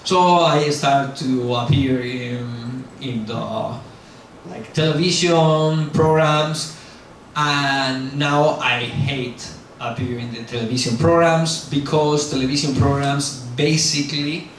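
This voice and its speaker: Here a guest lecturer, a middle-aged man who isn't a native English speaker, holds a casual university talk with Q&A in a medium-pitched, steady voice, taking his time. He wanders through his points with lots of fillers and self-corrections, blunt and poking fun at himself. Sound is very echoey from the large hall, picked up by a far-off mic with slight hiss.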